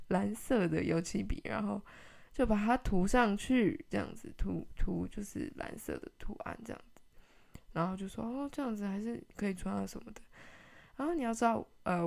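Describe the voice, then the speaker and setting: A young woman hosts a casual podcast and tells a family story. She rambles with many fillers and giggly asides, and her pitch moves in a lively way. Her voice has a gravelly fry. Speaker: podcast host. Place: home.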